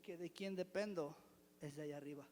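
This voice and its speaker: Brisk and a little mellow, this pastoral-team preacher's voice is on the high side, carrying a long reverb tail and a little hiss or hum through the church hall. He gives an emphatic testimony, repeating one refrain and asking listeners rhetorical questions.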